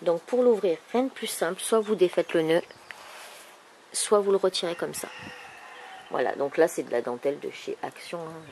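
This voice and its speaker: A woman with a thick, swollen-tonsils sore-throat voice, speaking softly and casually as she presents a craft project. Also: on the low side, moderate pace, pauses often. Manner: soft-spoken, holding back volume. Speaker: craft video maker presenting an album. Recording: clearly noisy background ambience.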